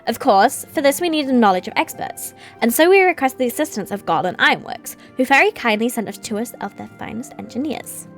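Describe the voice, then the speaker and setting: Woman reading as a gracious, high-voiced fantasy leader. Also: lively intonation, brisk, few pauses, faint music behind. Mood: gracious, welcoming. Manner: formal, stately wording. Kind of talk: reading video game dialogue aloud.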